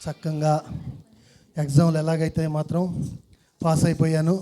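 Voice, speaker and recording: A man acting in a comic skit, pleading melodramatically through a mock prayer and repeating its words over and over. His voice sits high and sounds smooth and clear. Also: monotone, normal speed, dark tone. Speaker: comedian.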